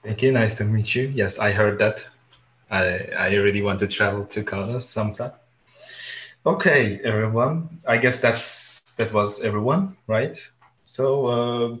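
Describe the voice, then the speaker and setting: A man's voice: lowish voice, fairly bright tone, echoey room. A man hosting an informal group discussion, moderating and greeting participants.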